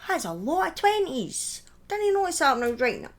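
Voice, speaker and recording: A very animated woman with a high voice relates a true-crime story as if in conversation, drawing partly on a script. Her phrasing is halting, and she slips in informal asides and opinions.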